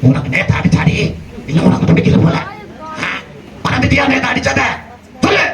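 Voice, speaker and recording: A man playing a drunken, quarrelsome village father in a church stage skit, shouting and defiant. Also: a little high, steady tone, brisk, vocal fry, some chatter behind. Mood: belligerent. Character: drunken angry village father, middle-aged. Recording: roomy hall with audience noise.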